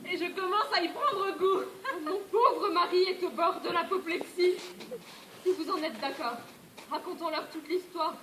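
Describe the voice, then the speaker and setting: A woman's voice: very high-pitched, moderate pace, pushed and bright, far from the mic. A woman acting a spirited, crafty wife in a stage comedy, with projected, emphatic delivery. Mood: sly, gleeful. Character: spirited, crafty wife fooling her husband. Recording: echoey stage recording, faint noise.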